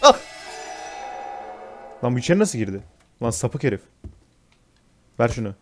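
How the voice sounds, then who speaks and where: A young gaming YouTuber provides let's play commentary over a horror game, swearing and then apologizing to viewers, and panicking and shrieking when scared. His medium-pitched voice is very animated and fairly bright, at a moderate pace, with faint music behind.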